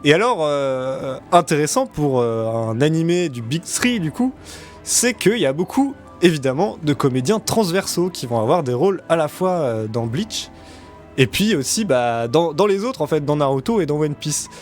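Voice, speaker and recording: Halting male host over faint music. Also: a little high, lively intonation. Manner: hesitant, halting, in short bursts. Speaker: show host. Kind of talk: casual discussion of anime.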